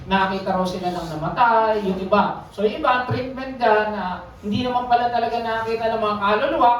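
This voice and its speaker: A preacher from the Philippines giving a Sunday sermon. The preacher reads verses aloud, explains them, and often checks in with the congregation. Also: mid-range voice. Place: church service hall. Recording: echoey hall, distant mic, faint noise.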